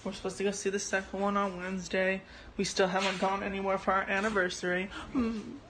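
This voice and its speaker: Holding her phone as she films a casual home vlog, a young woman speaks briskly in a mid-range voice with little pitch movement. The phone recording carries noise, and her tone is dry, jokey and offhand.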